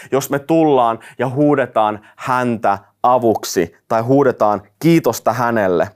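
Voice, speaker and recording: A man preaching a sermon, reading scripture aloud and dropping joking asides. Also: on the high side. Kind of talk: sermon teaching.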